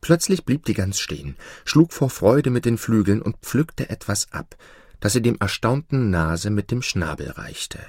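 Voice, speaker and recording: Slow, expressive male fairy-tale reader. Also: on the low side, breathy edge, no echo, studio quality. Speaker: storyteller.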